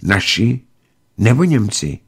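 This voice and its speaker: A man reading a story aloud and voicing a wounded young airman who speaks slowly and faintly. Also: lowish voice, very animated, creaky, husky, heavily acted. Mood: weak. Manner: slow, faint and pleading.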